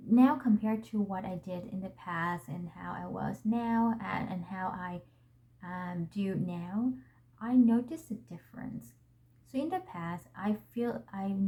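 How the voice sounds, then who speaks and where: The vlog host is a young woman whose first language is Vietnamese, and her accent shows it. Talking to the camera in a mid-range voice, she's gentle, earnest and thoughtful, though the audio is narrow and tinny.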